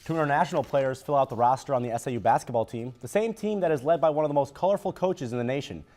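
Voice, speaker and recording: A man co-anchoring a sports show with brisk, upbeat banter. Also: medium pitch, darkish tone. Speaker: news anchor. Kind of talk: scripted news presenting.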